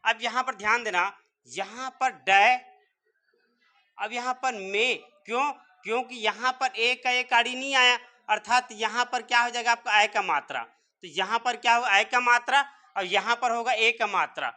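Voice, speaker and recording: A man's voice: very high voice, normal speed, sharp tone. A man teaching English spelling and pronunciation, sounding words out letter by letter and answering his own rhetorical questions. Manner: repeats rhetorical questions and answers them himself. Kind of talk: classroom-style spelling and pronunciation lesson.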